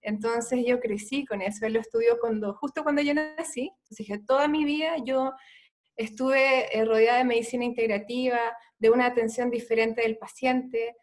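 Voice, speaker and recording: This guest is a doctor from Chile who recounts her story earnestly and conversationally in Chilean-accented Spanish, using many "eh" fillers. Her voice is fairly high and steady, at a moderate pace.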